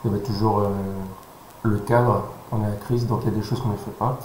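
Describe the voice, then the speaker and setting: A man in his thirties from French Guiana, answering interview questions calmly, pausing often with fillers. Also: fairly low pitch. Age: 30s. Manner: calm, halting, with many pauses and fillers. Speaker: interview guest. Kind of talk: casual interview. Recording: roomy sound with faint noise.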